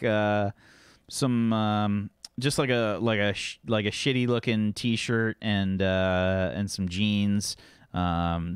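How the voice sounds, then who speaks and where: Casual, halting male game master, lowish voice. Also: clear, resonant tone, no room sound, clean studio sound. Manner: casual, halting, searching for words. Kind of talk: improvised tabletop game narration.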